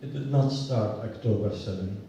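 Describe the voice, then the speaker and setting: An older man from Palestine, a university professor, giving an earnest, measured rally speech outdoors. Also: fairly low pitch, creaky, mellow, very echoey, recorded from a distance, a little hiss or hum, rough recording. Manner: earnest, measured storytelling with restarts.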